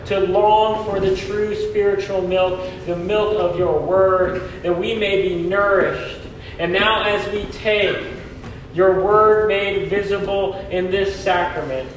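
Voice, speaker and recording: A man preaching a sermon as pastor, emphatic, posing questions and answering them, then leading a prayer, with a cathedral-like booming echo. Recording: heavy hall echo, distant mic, faint noise.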